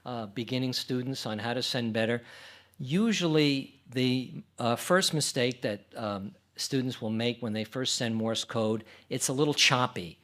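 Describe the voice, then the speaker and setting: A man giving a conference presentation for a club, talking in a relaxed, reassuring way and slowing down to demonstrate. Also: medium pitch.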